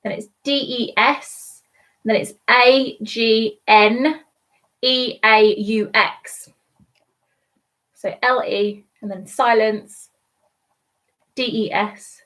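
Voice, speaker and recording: A woman hosting a live online quiz from home, chatting casually and spelling out words slowly letter by letter. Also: a little high, fairly bright tone. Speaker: quiz host. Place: at home alone.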